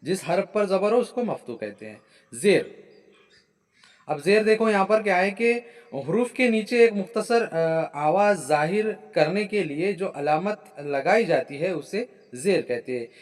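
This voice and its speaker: A man's voice: high voice, animated, unhurried. A man teaching an exam-prep grammar lesson. He repeats key points, keeps checking in with "ठीक है" and answers his own questions. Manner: repetitive, drilling with frequent "ठीक है" checks; asks a question then answers it himself.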